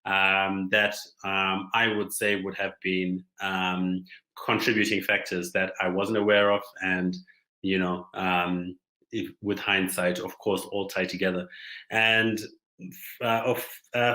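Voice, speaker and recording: A man from Zimbabwe gives a conference talk in a measured, unhurried way, often pausing and filling gaps with small hesitations. His voice is low and bright, with a forceful edge. The room around him is echoey. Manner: measured, thoughtful, many pauses and fillers. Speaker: startup founder giving a talk. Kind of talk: conference presentation.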